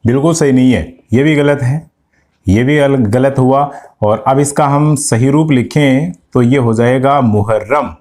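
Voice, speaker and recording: Male teacher, mellow voice, exam-prep lesson, quizzes students as he explains. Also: mid-range voice, unhurried. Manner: explains step by step, asks students questions; addresses students directly. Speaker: Hindi grammar teacher.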